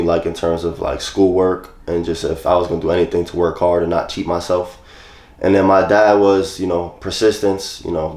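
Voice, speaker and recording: A young New York man in his twenties chats loosely about his past as a guest in a casual interview. His voice is low and reverberant, and his relaxed phrasing is packed with "like" fillers.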